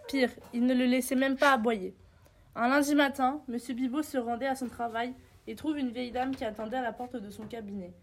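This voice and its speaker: A woman narrating a storybook tale in an expressive, dramatic reading. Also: fairly high pitch, brisk, noisy background.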